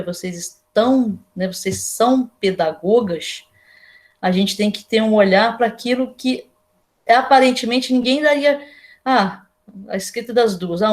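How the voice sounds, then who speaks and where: A woman's voice: fairly high pitch, darkish tone. A Brazilian woman lecturing to her students in a casual, explanatory way, often asking them rhetorical questions. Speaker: university lecturer. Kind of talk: online class lecture.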